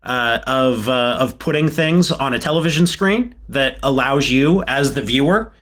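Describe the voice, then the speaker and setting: A man's voice: medium pitch, moderate pace, a bit bright. A man co-hosting a podcast in casual chat, rambling with lots of fillers. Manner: rambling, many fillers and restarts. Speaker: podcast co-host.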